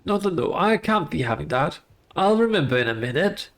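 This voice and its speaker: A woman's voice: low-pitched, big pitch swings, brisk. A woman voicing a cheery male ghost gardener who has lost his head, talking in rustic working-class slang.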